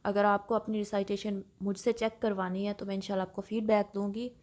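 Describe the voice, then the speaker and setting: A woman's voice: medium pitch, level tone, brisk, darkish tone. A woman teaching a step-by-step recitation lesson in Urdu with English terms mixed in, explaining patiently and checking in often. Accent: Pakistani Urdu. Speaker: tajweed teacher.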